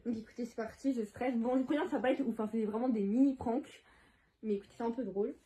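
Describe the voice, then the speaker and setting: Teen girl vlogger, high and chatty, excitable, casual talk to camera. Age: teens. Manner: chatty, excitable, quick to laugh. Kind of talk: casual prank-call vlog.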